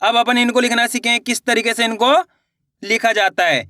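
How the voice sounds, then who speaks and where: A man teaching reading, sounding out each syllable slowly and then blending them into words, often repeating and asking the learner questions. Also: very high voice, fairly even intonation, bright, forceful tone. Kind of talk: slow spelled-out reading lesson.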